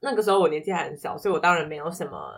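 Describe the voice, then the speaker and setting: A woman's voice: low-pitched, very animated, rapid-fire, vocal fry. A woman from Taipei with a Taiwanese Mandarin accent, telling personal stories as an interview guest in a reflective, explanatory way. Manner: reflective, explanatory, quotes others in anecdotes. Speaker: podcast guest. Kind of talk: casual personal storytelling in an interview.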